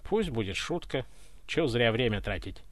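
A haughty tsar grumbles with gravelly scorn, sneering and dismissive, as a male narrator puts him on. His voice jumps between mutters and sharp rises. Dry, close recording. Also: fairly high pitch, very animated, fast, no echo, exaggerated voice. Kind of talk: audiobook character voice.

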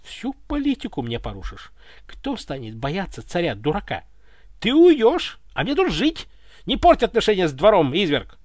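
Guy voicing a touchy old tsar, pompous, fairly high, bursts into yelling. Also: wildly swooping pitch, moderate pace, dry recording, studio quality, heavily acted. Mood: furious. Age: older. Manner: pompous, roars when offended.

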